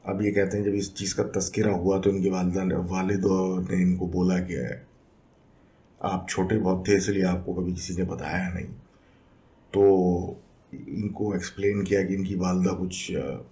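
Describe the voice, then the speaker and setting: A man narrates listener-sent stories as a podcast host. His voice sits low and warm, and he talks in an unhurried, conversational way, slipping English phrases into his telling. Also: steady tone. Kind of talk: casual storytelling narration.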